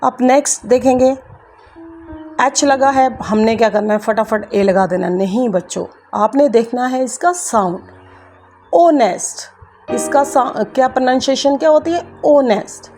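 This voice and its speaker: Soft music plays behind this woman from India, whose slightly high, darkish voice moves at a normal speed. Explaining English grammar at a board with an Indian accent, she repeats key ideas patiently and speaks to the class as kids.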